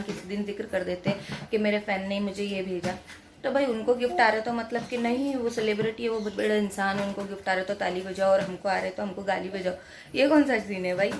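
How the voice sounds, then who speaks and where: A woman's voice: medium pitch, vocal fry. Young woman, home vlogger, talks straight to camera, repeats herself for emphasis, faint noise behind. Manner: chatty, emphatic, repeats her points. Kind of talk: casual to-camera vlog talk.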